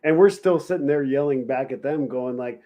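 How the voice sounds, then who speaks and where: A man's voice: medium pitch, brisk, mellow. A man co-hosting a casual podcast chat, explaining things in a rambling way with lots of fillers. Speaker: podcast co-host.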